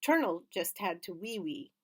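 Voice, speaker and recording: A woman reading aloud, voicing an excited mother with a high, gushing voice. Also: a little slow, breathy edge. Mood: soothing. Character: cheerful mother, bright and excited.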